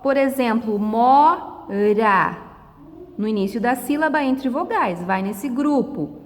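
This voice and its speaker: A woman's voice: fairly high pitch, big-room sound. A middle-aged woman from Brazil, teaching a step-by-step lesson and patiently drawing out words one by one. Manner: patient, drawn-out word-by-word explanations. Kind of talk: step-by-step classroom lesson walkthrough.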